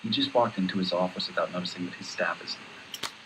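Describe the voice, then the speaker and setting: A man's voice: sits low, quick pace, background noise, natural voice. A man speaking acted English TV dialogue in a replayed clip.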